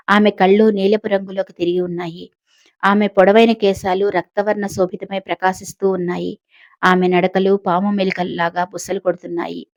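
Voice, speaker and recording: A woman narrating a family drama audio story in a steady, descriptive storytelling manner. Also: mid-range voice, dry recording, dull audio. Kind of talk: scripted narration.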